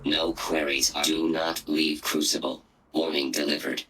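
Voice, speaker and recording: A man doing a gravelly robot voice, very deep. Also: level tone, a little slow, pushed and bright, full character voice, low-quality recording. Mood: cold. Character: cold robotic security machine, male.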